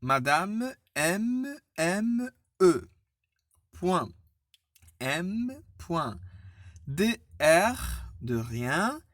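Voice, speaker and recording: A woman teaching a beginner French class who spells words out letter by letter in a patient, deliberate way. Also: fairly low pitch, very animated, no echo, studio quality. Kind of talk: slow, clear beginner language lesson.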